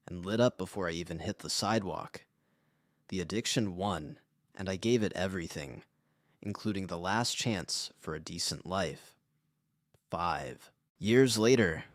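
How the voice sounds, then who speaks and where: A low-pitched man telling his own story in scripted first-person narration. He sounds somber and confessional. The recording is close and dry, with no room sound. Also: no echo.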